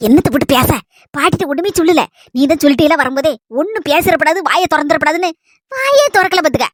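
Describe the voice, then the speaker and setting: A woman's voice: high voice, animated, fast, a little hiss or hum. A woman with a Kanyakumari Tamil accent performing a comic village skit. She chatters on, blurting things out with a playful stammer.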